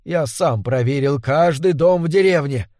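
A man reading a gothic story aloud in a measured, dramatic way. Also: a little high, darkish tone, no echo. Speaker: narrator. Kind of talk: audiobook narration. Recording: dry studio read with faint music.

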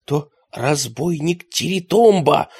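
A man's voice: a little high, expressive, slow, a little mellow, slightly rough, full character voice. A man voicing a fawning, wheedling nobleman with a foreign turn of speech, in a storybook reading. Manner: ingratiating, wheedling.

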